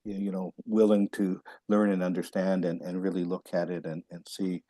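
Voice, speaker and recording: A man with a low, mellow voice moderates a panel over a video call, thanking each speaker in a gentle, affirming way. The sound is dry and close, with no room echo. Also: little pitch movement, moderate pace. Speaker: webinar moderator.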